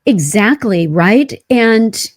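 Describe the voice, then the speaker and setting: A woman's voice: mid-range voice, lively intonation, extremely slow. A woman guest on a podcast, speaking earnestly in a coaching tone and asking rhetorical questions. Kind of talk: conversational interview.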